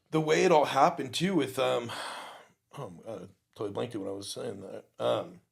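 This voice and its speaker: A middle-aged man, a podcast guest, telling his recovery story in casual talk, animated and laughing often. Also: medium pitch, a little slow, vocal fry, pauses often.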